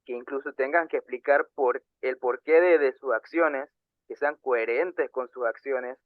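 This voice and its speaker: A young man co-hosting a casual podcast, earnest and halting, with many fillers and restarts. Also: medium pitch, dry recording. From Panama. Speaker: podcast co-host. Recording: tinny phone-like sound.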